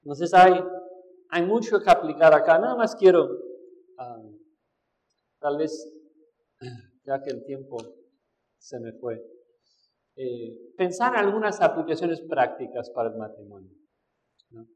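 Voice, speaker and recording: A man's voice: on the high side, animated, a little slow, long pauses, darkish tone. A male pastor preaching a sermon, who asks the congregation questions and acts out the voices he quotes. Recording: echoey hall with long reverb.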